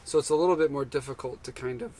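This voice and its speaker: A man co-hosting a live van life chat, talking casually and upbeat, often chiming in with quick agreements. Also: mid-range voice, a crowd in the background. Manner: upbeat, chatty, quick to chime in with short agreements.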